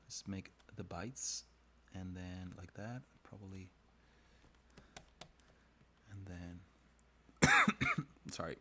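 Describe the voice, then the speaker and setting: On a live stream where he draws a comic, this illustrator and design video host talks in a low voice whose pitch swoops wildly, stretching words out and pausing often. His tone is bright and forceful, with slight background noise, and his chatty, slightly rambling talk is full of restarts.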